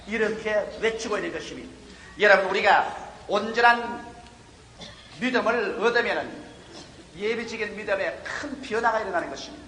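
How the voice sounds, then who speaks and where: A man in his forties preaching a fervent sermon as pastor, building to loud peaks. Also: high-pitched, moderate pace, pauses often, slight background noise. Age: 40s. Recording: echoey hall with faint ambience.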